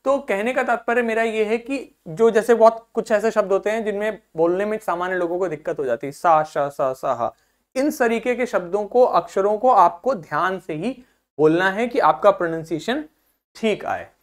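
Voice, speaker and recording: A man's voice: sits high, normal speed. A man teaching a vocabulary lesson to school students, mixing English and Hindi, breaking words into syllables and repeating each one several times while checking in with the class. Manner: peppers speech with "theek hai" checks to the class.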